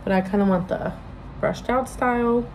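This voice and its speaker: A woman's voice: medium pitch, moderate pace, a little mellow. Young woman, noisy room recording. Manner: rambling, informal, self-interrupting. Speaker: vlogger. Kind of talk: casual get-ready-with-me chat to camera. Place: indoors in a small bedroom-like room. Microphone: phone propped at arm's length.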